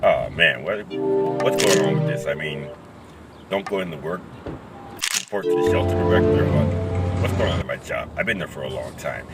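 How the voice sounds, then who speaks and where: A man playing an anxious, down-on-his-luck worker in a naturalistic drama, halting and repeating his words, by turns indignant and pleading. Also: rumbling low, expressive, far from the mic, over loud music. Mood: bewildered, worried.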